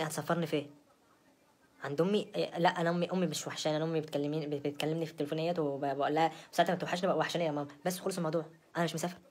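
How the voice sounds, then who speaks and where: Fast-talking husky Egyptian spoiled wife played by a woman. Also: low-pitched. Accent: Egyptian Arabic. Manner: rambling, stammering, sassy. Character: brazen spoiled young wife, chatty and unapologetic. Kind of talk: comedic sketch monologue.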